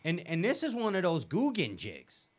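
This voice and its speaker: A man's voice: sits high, huge pitch swings, moderate pace, husky. A man hosting a casual fishing chat, joking and rambling with lots of fillers and restarts. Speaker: host. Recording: dull lo-fi sound.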